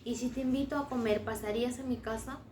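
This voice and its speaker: A woman's voice: fairly high pitch, steady tone, fast talker, darkish tone, slight background noise, voice pushed up, natural voice. A woman voicing a generous little boy with many presents, in a roomy, distant recording. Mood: kind.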